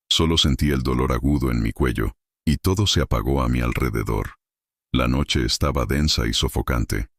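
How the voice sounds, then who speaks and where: A man narrating a horror story in a dramatic, measured storytelling manner. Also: extremely low pitch, creaky, breathy edge, dry recording, studio quality.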